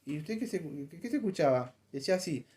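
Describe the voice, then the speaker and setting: A man preaching a conversational sermon in a church, animated and acting out voices in his stories. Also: a little high, fast, noisy background. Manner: animated, acts out voices in anecdotes. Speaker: pastor.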